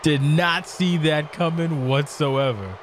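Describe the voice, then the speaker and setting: A man giving conversational color commentary on wrestling, casual and salty, with halting phrasing. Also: a little high, a little hiss or hum.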